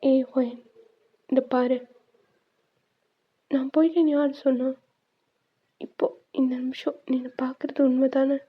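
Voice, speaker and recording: Woman doing a soft whispering male ghost, steady and tender, whispered role-play, tinny phone-like line, high voice. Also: measured pace, long pauses, breathy edge. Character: gentle male ghost comforting his grieving lover.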